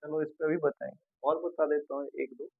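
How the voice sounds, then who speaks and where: A man teaching an English grammar lesson. He goes patiently, repeats sounds slowly and keeps checking that his students follow. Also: on the high side, steady tone, gravelly, dry recording, narrow, tinny audio, faint music behind.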